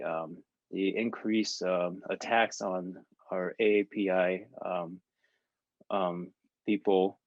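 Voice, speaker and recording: A man from Taiwan, answering interview questions in a halting way with many fillers and restarts. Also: on the low side, dry recording. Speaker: guest artist. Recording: dull lo-fi dry sound.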